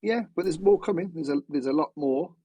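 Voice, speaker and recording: A man being interviewed over a video call as a guest, easygoing and relaxed, with short agreeing replies. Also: a little high, fairly quick, breathy edge, no room sound. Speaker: guest player. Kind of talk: casual interview chat.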